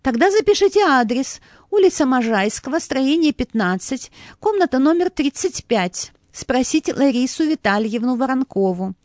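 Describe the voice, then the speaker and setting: A woman voicing a businesslike woman stranger who briskly dictates details over the phone, in a read-aloud story. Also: high voice, big pitch swings, a little mellow, no room sound, studio quality, voice pushed up.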